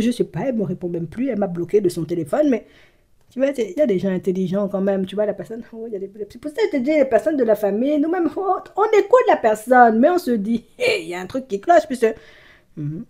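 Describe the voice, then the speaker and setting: A woman talking straight to the viewer in a casual monologue, teasing and mocking as she swings between soft murmurs and loud exclamations, with tag phrases dropped in all the time. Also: a little high, animated, fast. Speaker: video creator speaking to the viewer. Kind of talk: casual direct-to-camera monologue.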